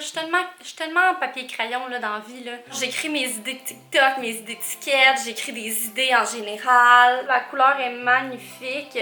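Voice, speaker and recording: Gushing high-voiced Québécois woman. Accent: Québécois French. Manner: gushing, excitable, exclamatory. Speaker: vlogger. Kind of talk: unboxing chat to camera. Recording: roomy echo with faint music.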